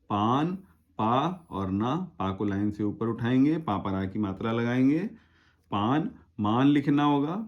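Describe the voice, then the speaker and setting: A man's voice: mid-range voice, muffled recording. A man teaching shorthand in a tutorial, patiently spelling out words syllable by syllable. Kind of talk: step-by-step tutorial explanation.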